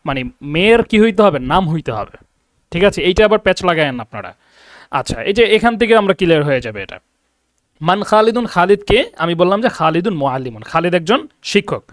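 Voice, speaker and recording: A young man teaching an online Arabic class, explaining slowly and often checking that students understand. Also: high voice, no echo, clean studio sound. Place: lives and teaches from abroad.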